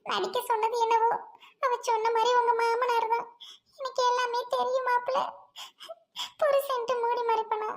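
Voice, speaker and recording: An older mother-in-law , put on by a woman, weeps her apologies in a very high, flat voice. She begs forgiveness in a steady, narrow line. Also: moderate pace, long pauses. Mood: tearful apology. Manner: crying apologetic.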